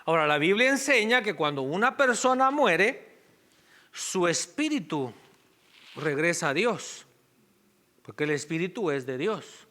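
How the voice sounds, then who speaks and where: Slow, bright-voiced preaching man. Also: high voice, very animated. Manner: conversational preaching, asides and self-corrections. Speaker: pastor. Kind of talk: sermon.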